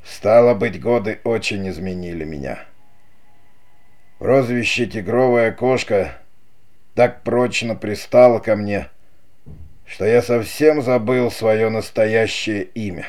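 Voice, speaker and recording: A man's voice: fairly low pitch, slow, a little mellow. A man voicing a sneering, vengeful villain chief. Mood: cold. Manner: sneering, taunting, cruel laughter. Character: vengeful, mocking male Apache chief, villain. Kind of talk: audiobook character reading.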